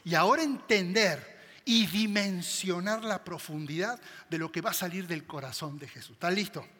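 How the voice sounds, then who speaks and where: A preacher with a high, bright voice delivers a sermon at normal speed, swinging dramatically between loud, emphatic bursts and hushed, quiet passages. His words trail off into the long reverb of a large hall.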